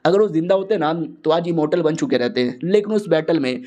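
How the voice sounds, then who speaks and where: A calm female senior cultivator from a manga retelling, explaining old history, played by a man. The voice sits low and mellow. She talks steadily, like a teacher. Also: a little fast, close to an everyday voice.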